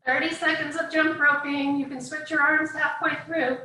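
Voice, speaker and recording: A woman's voice: high voice, little pitch movement, moderate pace, pushed and bright. A woman fitness instructor leading a live group workout class, giving short, encouraging cues and countdowns. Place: indoors, live video call class. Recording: echoey room, far from mic, faint noise.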